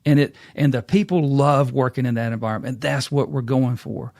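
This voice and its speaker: A man's voice: mid-range voice, moderate pace, creaky, a little mellow, no room sound, clean studio sound. A middle-aged man, hosting a casual business talk and acting out quotes as a folksy storyteller. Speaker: podcast host.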